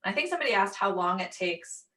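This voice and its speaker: A woman's voice: mid-range voice, expressive, fast talker, sharp tone. A woman on an online webinar panel giving informal, practical answers to audience questions. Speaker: staff member on a webinar panel.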